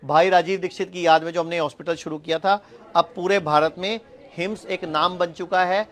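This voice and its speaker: A man's voice: high-pitched, fairly even intonation, a little fast, fairly bright tone. A man giving an explanatory health talk to the camera from a hospital campus, restating each point in simpler words. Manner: explanatory, repeats points with "yani ki". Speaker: health speaker.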